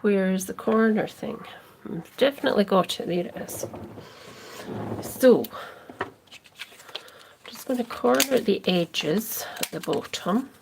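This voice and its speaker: A Scottish woman hosts a casual crafting livestream, chatting with viewers and answering their comments while she works. Her medium-pitched voice has lively intonation and vocal fry, with background noise present, and she speaks slowly and softly, slipping into near-whispers as she concentrates.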